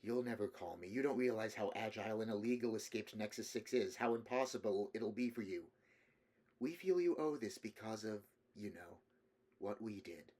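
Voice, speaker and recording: Brief: male narrator as a soft-spoken, persistent female android, low and hushed. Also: moderate pace, natural voice. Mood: placating. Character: calm, persistent female android offering help.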